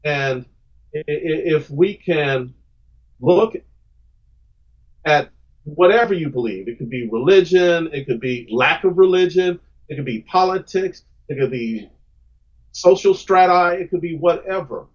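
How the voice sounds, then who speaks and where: A man's voice: on the high side, lively intonation, measured pace. A man guest on a podcast, talking in an earnest, reflective, rambling way with restarts. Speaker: podcast guest, comic creator. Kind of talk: casual podcast conversation. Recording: muffled lo-fi audio.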